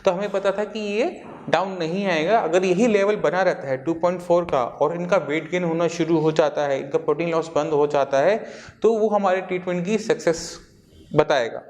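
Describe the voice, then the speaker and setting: A man's voice: sits high, normal speed, darkish tone. Earnest man doctor explaining, reverberant room. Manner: earnest, explanatory, with rhetorical questions. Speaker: doctor hosting a health channel. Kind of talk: explaining to camera and interviewing a patient.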